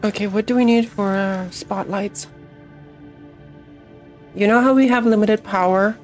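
A woman's voice: mid-range voice, steady tone, unhurried, soft background music. Blunt, foul-mouthed woman streamer. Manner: swears a lot, blunt and chatty. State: phlegmy morning voice. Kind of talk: casual gaming stream chat.

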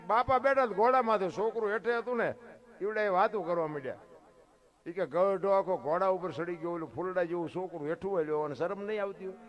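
A man's voice: sits high, lo-fi sound. A man telling devotional folk stories on stage in a folksy, emphatic way, with rhetorical questions and snatches of song. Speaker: folk storyteller. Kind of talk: devotional folk storytelling talk.

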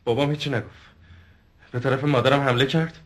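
An actor playing a stiff, overprotective man in therapy who gives defensive, halting answers. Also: mid-range voice, fairly even intonation, lightly acted. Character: stiff, overprotective man recounting his family. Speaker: patient.

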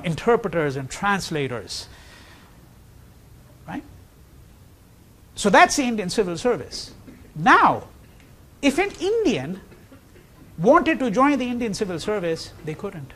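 A man giving a university history lecture, animated, posing rhetorical questions and checking in with "okay?" and "right?". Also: high-pitched.

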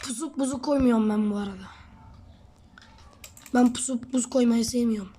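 With a warm, fairly high voice at a moderate pace, a woman narrates her own gaming in a chatty way, poking fun at her teammate and speaking to her audience. She tells them she is sick. Slight background noise is audible.

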